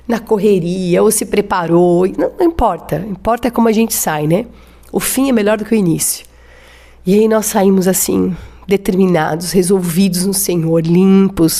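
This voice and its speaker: A woman with a Brazilian Portuguese accent preaching in a church. Her delivery is fervent, and she slows and stretches key words for emphasis as she addresses the congregation directly. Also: medium pitch, mellow. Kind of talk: sermon.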